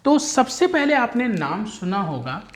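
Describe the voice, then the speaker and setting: A male teacher giving a classroom lecture, drilling terms by slow repetition and calling students "beta". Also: sits high, sing-song, reverberant.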